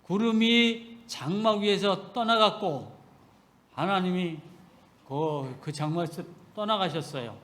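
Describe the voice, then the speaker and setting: A male pastor preaching a sermon, emphatic and swinging between loud stresses and soft asides. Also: high voice, lively intonation, slow pace.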